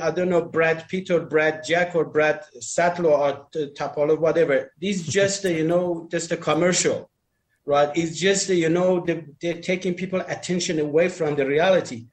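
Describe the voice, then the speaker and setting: A man's voice: fairly high pitch, fairly even intonation, normal speed. A man chatting casually on a group call about dating, rambling with restarts and uneven phrasing. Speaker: dating talk panelist. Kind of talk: casual group chat, opinionated.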